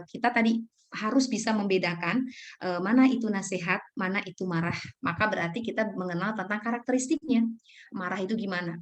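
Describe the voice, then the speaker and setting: A woman Islamic teacher giving parenting advice over a video call, explaining patiently and acting out soft words to a child. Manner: explanatory, acts out gentle talk to children, swings pitch widely. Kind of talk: online parenting talk.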